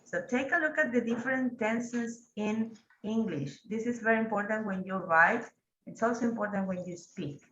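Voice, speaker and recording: A woman's voice: mid-range voice, moderate pace, a bit bright, roomy sound, lo-fi sound. A woman, teaching an English grammar class and patiently prompting students. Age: 40s.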